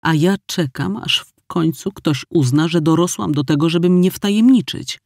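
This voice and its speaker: A man reading an audiobook, voicing a hurt, quick-tempered young woman who speaks in an irritated, demanding way. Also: fairly high pitch, gravelly, darkish tone, no echo, clean studio sound, pitched above the performer's own voice.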